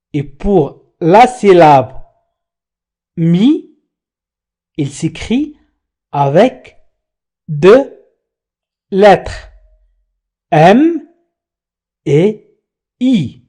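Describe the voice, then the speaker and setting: A man teaching French pronunciation, spelling out letters and syllables slowly. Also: high-pitched, dark tone, breathy edge. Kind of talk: slow pronunciation lesson.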